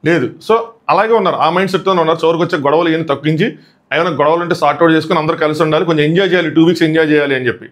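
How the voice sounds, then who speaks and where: Fast-talking, high-voiced man reviewing a show. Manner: rapid, chatty recap mixing in English words; acts out quoted lines from the show. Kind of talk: casual commentary.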